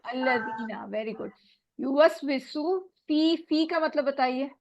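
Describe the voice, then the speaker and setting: A woman's voice: high-pitched, takes it slowly, no echo. A woman teacher giving an online lesson over a bad connection that keeps cutting her voice out, patiently quizzing students word by word. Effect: voice cutting out over a bad call connection. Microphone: video call. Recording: dull dry online call audio.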